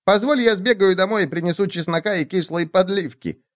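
A man's voice: high-pitched, brisk, no room sound, studio quality, pitched above the performer's own voice, natural voice. A man voicing a meek, clever young goat kid who speaks submissively. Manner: submissive, politely persuasive.

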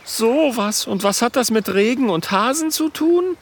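A man's voice: very high voice, animated, unhurried, voice pushed up, full character voice. A man voicing a grumbling young male dragon in a storybook reading.

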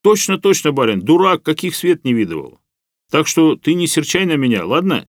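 A man's voice: on the high side, very animated, moderate pace, no echo, studio quality, voice pushed up. A man doing an eager, humble peasant serf. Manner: humble, folksy, rustic speech. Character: simple, servile male peasant serf, eager to please.

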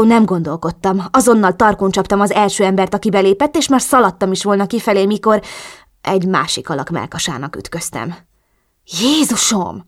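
A woman reads a first-person romance audiobook with dramatic, breathless storytelling. Her voice sits at a middle pitch, neither high nor low. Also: no echo, studio quality. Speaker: audiobook narrator. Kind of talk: first-person novel narration.

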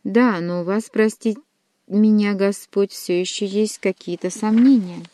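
A woman's voice: medium pitch, fairly even intonation, unhurried, dark tone, lightly acted. A woman voicing a young queen who teases and reproaches her lover. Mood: tender. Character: young queen, teasing and commanding.

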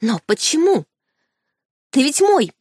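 Audiobook heroine: woman reader as a desperate wife, urgent and shaken, pitched up and louder than the narration. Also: animated, normal speed, no room sound, studio quality. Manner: urgent, pleading, agitated. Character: desperate young wife, frantic and furious. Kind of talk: audiobook character reading.

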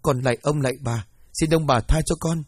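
A frightened, humble young servant boy, as a male narrator puts him on, pleading and explaining to his masters. The voice is husky, recorded dry and close. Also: fairly high pitch, brisk, darkish tone, no room sound.

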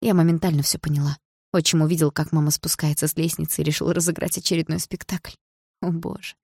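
A woman narrating a novel in the first person, reading in a steady, even storytelling manner. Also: low voice, fast, breathy edge, dry recording, studio quality. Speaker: audiobook narrator.

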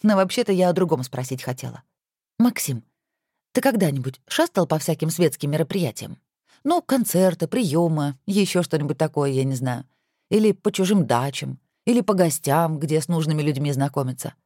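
A reader voicing a sharp-tongued young wife who teases her husband in mock-stern tones, in a storybook reading. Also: medium pitch, lively intonation, moderate pace, dry recording, clean studio sound, voice pushed up.

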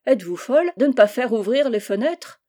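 A cheeky young peasant lad from a storybook, loud and blunt, with a ready answer for everything, as a woman narrator puts him on. The voice stays warm and mellow under the bravado. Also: fairly high pitch, sing-song, moderate pace. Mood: brash.

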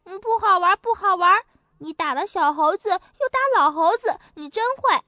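Brief: a woman doing a bunch of scolding kids, high and bright, chanting together in a storybook. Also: expressive, moderate pace, dry recording, studio quality, exaggerated voice. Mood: reproachful. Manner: chanting, reproachful. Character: group of scolding young children.

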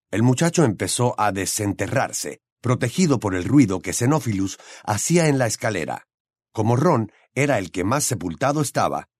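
A man narrating an audiobook with an expressive, dramatic reading. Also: mid-range voice, dry recording, clean studio sound.

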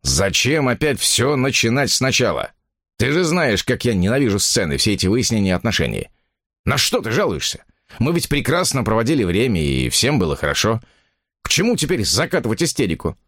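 A man's voice: medium pitch, very animated, a little fast, a bit bright, no echo, studio quality. A man voicing a cold, irritable writer who answers curtly and impatiently, in an audiobook story. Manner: curt, impatient.

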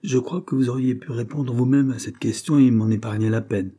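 A man's voice: medium pitch, a little fast, mellow, breathy edge, lightly acted. A man voicing a stern, dignified employer who speaks in a cold, formal and curt way.

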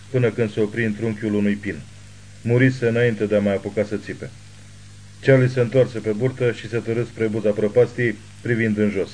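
A man narrating an audiobook novel with steady, measured reading. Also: fairly low pitch, slight background noise, poor audio. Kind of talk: scripted narration.

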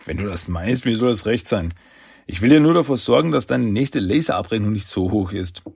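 A man's voice: on the low side, expressive, a little fast, creaky, darkish tone, slightly rough, no echo, studio quality, full character voice. A man voicing a cocky young male turtle hero in a storybook reading, teasing and upbeat.

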